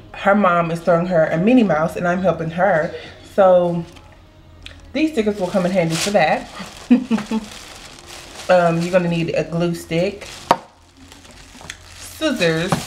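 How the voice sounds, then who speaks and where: A woman's voice: on the low side, background noise. A woman vlogger giving a casual, rambling craft tutorial, with many ums and restarts.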